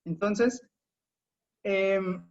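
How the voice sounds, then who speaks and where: A man's voice: high-pitched, very slow, creaky, muffled recording, slight background noise. A man with a Mexican Spanish accent, a pastor explaining a Bible lesson in a hesitant way, with many fillers and restarts. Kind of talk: Sabbath school lesson discussion.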